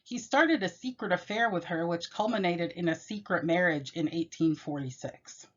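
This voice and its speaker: A woman giving a measured, explanatory poetry lesson and reading the poem aloud. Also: on the low side. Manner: measured, explanatory, with occasional self-corrections. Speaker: teacher. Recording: dull, lo-fi.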